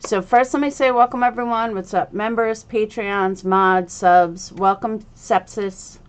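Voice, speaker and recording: A woman's voice: medium pitch, fairly even intonation, a little slow, smooth. A woman hosting a casual livestream commentary, speaking bluntly with a slight lisp from a retainer in her mouth. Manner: blunt, opinionated, profane. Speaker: livestream host.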